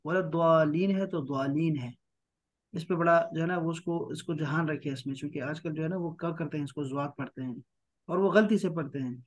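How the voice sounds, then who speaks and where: A man teaching an online Arabic grammar class, patiently repeating key terms slowly. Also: fairly high pitch. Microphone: online class mic.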